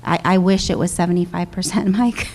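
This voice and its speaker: A woman's voice: lowish voice, fairly even intonation, fairly quick, a little mellow. Businesslike woman presenting a budget. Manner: businesslike, with frequent "uh" and restarts. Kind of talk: budget presentation with audience questions.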